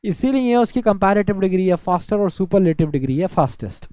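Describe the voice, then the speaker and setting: Male tutor, exam-prep lesson, self-quizzing delivery, soft dark tone, dead-dry booth. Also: high-pitched, expressive, a little fast, no room sound. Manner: explains by asking and answering his own questions; drawls words out to show syllables. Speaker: teacher.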